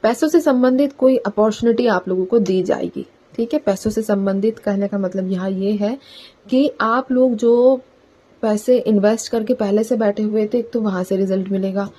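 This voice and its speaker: A woman's voice: medium pitch, normal speed, dark tone, rough recording. A woman giving a casual collective tarot reading to her viewers, talking in a chatty way and often adding "theek hai" as a filler. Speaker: tarot reader.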